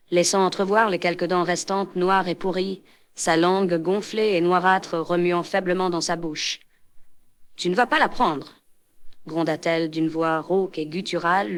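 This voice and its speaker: A woman with a lowish voice reads a horror story aloud. Her delivery is measured and dramatic, a steady scripted narration.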